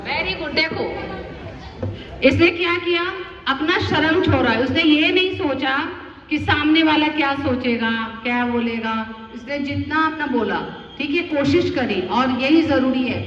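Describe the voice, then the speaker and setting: In an indoor school hall full of children, a female teacher coaches a role-play workshop, encouraging and coaxing them and repeating herself often. Her high-pitched, fairly bright voice keeps a measured pace, picked up distantly in the roomy hall with dull sound and a faint crowd.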